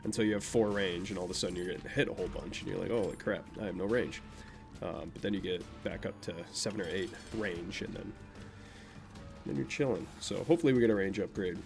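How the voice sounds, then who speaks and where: With game music playing, a young Vermont man talks quickly in a deep, gravelly, naturally nasal voice. His gameplay commentary is rambling and offhand, drifting into self-deprecating remarks about his life.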